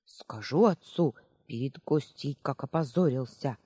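A hoarse old village woman, as an audiobook reader puts her on, kindly but forever grumbling and scolding. Her husky, mellow voice leaps about in pitch, fussing over everyone around her. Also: sing-song, a little slow, dry recording, studio quality. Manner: good-natured grumbling, scolding. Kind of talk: audiobook character voice.

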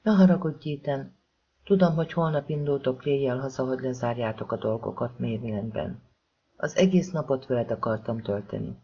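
A reader voicing a gentle, motherly young woman. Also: medium pitch, close to an everyday voice. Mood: weary. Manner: soft, motherly, tender. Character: gentle, weary young woman comforting a child. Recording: slightly dull lo-fi recording.

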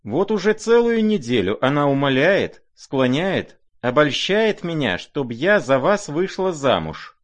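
A man's voice: medium pitch, sing-song, moderate pace, pitched above the performer's own voice. A man voicing a proud, impetuous young woman who fires off insistent, jealous questions in a raised voice. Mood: heated.

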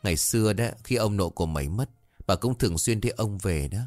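A wise old grandmother who speaks gently and reassuringly, voiced by a man. Her voice sits low and dry, with faint music behind. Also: animated, fast talker, no echo, lightly acted. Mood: soothing.

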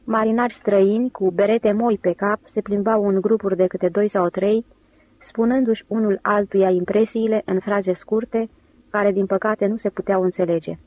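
A woman narrating an audiobook in an even, steady reading voice. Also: medium pitch, no room sound, lo-fi sound. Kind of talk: scripted narration.

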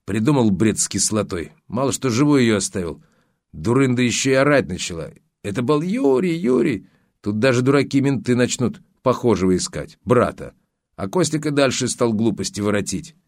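A man's voice: mid-range voice, sing-song, moderate pace, darkish tone, no room sound, studio quality. A male audiobook reader voicing a cynical, scheming middle-aged photographer who talks in a sneering, mocking, defensive way. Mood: scornful. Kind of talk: audiobook character voice.

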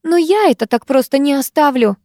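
A woman voicing a spiteful, bossy teenage girl with a sharp, sneering way of talking. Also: high voice, expressive, fairly quick, no echo, clean studio sound, pitched above the performer's own voice.

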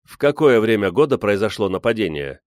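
A man's voice: fairly low pitch, big pitch swings, a little fast, darkish tone, clean tone, no echo, studio quality. A man playing an earnest, fussy male scientist with a prim, pedantic manner.

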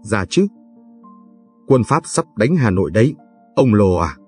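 A man's voice: lowish voice, very animated, unhurried, darkish tone, faint music behind. A man voicing a crude, boastful mountain warlord who brags in a coarse, blustering way.

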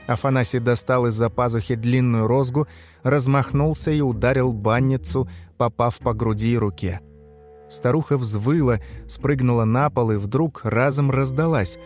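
A man reading a story aloud in measured, scripted narration. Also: medium pitch, a little mellow, faint music behind. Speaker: audiobook narrator.

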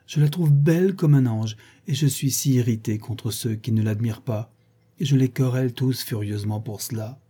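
A man reading an audiobook and voicing an effusive, gossipy young woman who flatters her friend. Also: medium pitch, moderate pace, slightly rough, close to an everyday voice. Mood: gushing.

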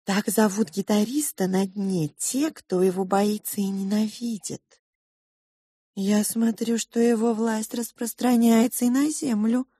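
A woman voicing a wise, sorrowful female pink mouse who speaks in a slow, measured, cryptic way. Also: medium pitch, steady tone, warm tone, breathy edge, dry recording, clean studio sound, pitched above the performer's own voice.

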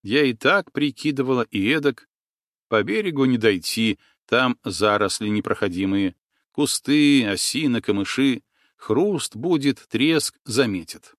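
A man's voice: mid-range voice, dry recording, studio quality, lightly acted. A man voicing a bold young female shaman in an audiobook, with a raised, firm, scolding voice. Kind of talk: audiobook character voice.

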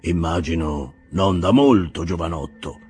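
A man voicing a stern, pious old whaling captain with a deep, sepulchral voice and a slow, severe delivery. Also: a little mellow, husky, faint music behind, heavily acted.

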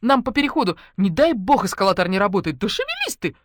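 A woman narrator voicing a bossy, energetic woman friend who shouts orders in a hurry. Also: a little high, normal speed, voice pushed up, lightly acted. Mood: commanding. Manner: commanding, shouting.

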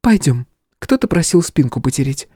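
A calm young princess with a lifted, lively voice, gently mocking and playful, as a male narrator plays her. The sound is close and dry. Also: fairly high pitch, normal speed, husky, no room sound, voice pushed up.

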